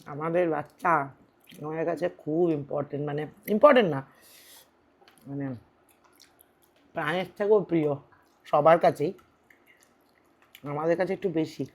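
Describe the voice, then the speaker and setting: A woman's voice: deep voice, normal speed, pauses often. A woman in her thirties chatting casually on her home eating show, teasing and bickering playfully. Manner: swings between soft reflective and loud animated. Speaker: mukbang vlogger.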